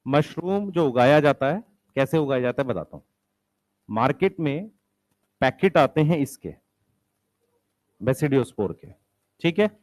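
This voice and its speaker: A man's voice: mid-range voice, expressive, a little slow, pauses often, a little mellow, no room sound. A male biology teacher lecturing a class, mixing English science terms into Hindi, asking questions and answering them himself, and calling for the students' attention.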